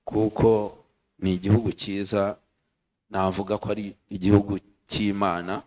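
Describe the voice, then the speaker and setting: A man from Rwanda giving an earnest church testimony, speaking in short phrases and pausing so an interpreter can follow. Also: on the low side, little pitch movement, a little mellow. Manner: earnest, pauses for interpreter after each phrase.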